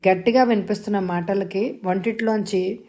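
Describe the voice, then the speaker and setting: A woman narrating an audio novel in a measured, expressive storytelling voice. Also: mid-range voice. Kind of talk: scripted narration.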